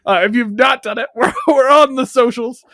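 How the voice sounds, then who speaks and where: High bright-voiced guy hosting a podcast, jokey and rambly, keeps laughing. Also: moderate pace, dry recording, clean studio sound. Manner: joking, rambling, laughs often. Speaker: podcast co-host. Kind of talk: casual podcast banter.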